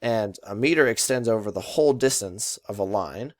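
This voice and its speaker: A man's voice: fairly low pitch, moderate pace, no room sound, clean studio sound. A young man explaining a lesson in a chatty way, tapping out stressed syllables aloud to show rhythm. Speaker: student presenting a lesson.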